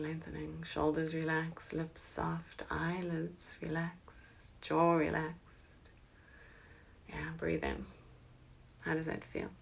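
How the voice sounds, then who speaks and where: Low gravelly woman guiding a meditation. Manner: slow and soothing, drifting into soft whispers. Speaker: meditation guide. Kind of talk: guided meditation.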